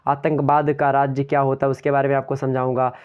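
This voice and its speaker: A man's voice: mid-range voice, completely flat delivery, fast talker, smooth. A young man teaching an exam-prep lecture online, who asks questions aloud and answers them himself and keeps urging viewers to like and share. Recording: dull lo-fi sound.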